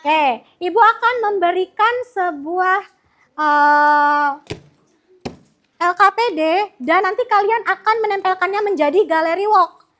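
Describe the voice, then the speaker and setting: A young woman teaching a primary school class, her voice very high and bright. She speaks at an unhurried pace, upbeat and coaxing as she calls pupils up one by one. The sound is of a classroom lesson. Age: young adult. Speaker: student teacher.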